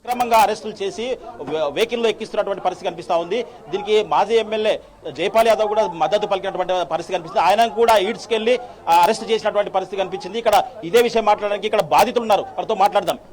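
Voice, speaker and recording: A man reporting live from an outdoor highway protest, talking in quick, halting bursts. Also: darkish tone. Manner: hurried, halting. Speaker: field reporter.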